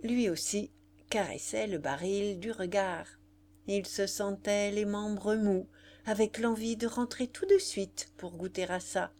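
A woman reading a classic novel aloud as an audiobook narrator, in a measured, expressive way. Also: medium pitch, a little hiss or hum.

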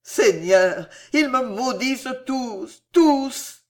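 A man's voice: high voice, slow pace, a bit bright. A man reading aloud, voicing a delirious dying young king who pleads in frantic cries, tormented by guilt. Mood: begging. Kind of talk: dramatic reading of a historical novel.

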